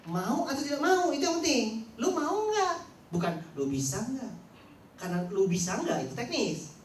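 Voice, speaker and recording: Animated slang seminar speaker, man. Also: extremely high pitch, moderate pace, slight background noise. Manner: animated, quizzes the audience, acts out quotes. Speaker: motivational speaker. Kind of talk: seminar talk to an audience. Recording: roomy sound from far off, faint ambience.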